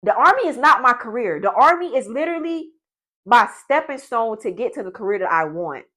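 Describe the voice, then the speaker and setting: A young woman in her late twenties delivers a preachy, profane motivational talk straight to her viewers. Her voice sits a little high for a woman, and her manner is blunt and forceful. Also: big pitch swings, brisk. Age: 20s. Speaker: vlogger.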